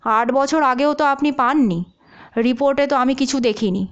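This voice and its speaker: A woman voicing a sharp male police chief who asks probing, clipped questions. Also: high voice, normal speed, highs cut off, lightly acted.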